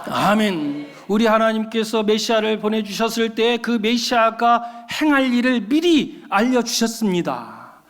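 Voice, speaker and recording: A man's voice: very high voice, moderate pace, a bit bright. A man preaching a sermon as pastor, emphatic and calling out often to the congregation. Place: church sanctuary. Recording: long church hall reverb.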